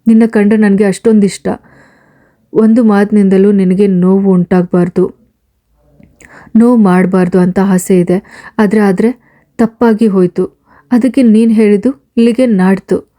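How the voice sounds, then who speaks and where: A remorseful young husband with a quick temper pleads earnestly, as a woman reads him aloud. The voice stays level and even, with a soft, mellow tone. It is an audiobook serial. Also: medium pitch, natural voice. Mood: stern. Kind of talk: audiobook character reading.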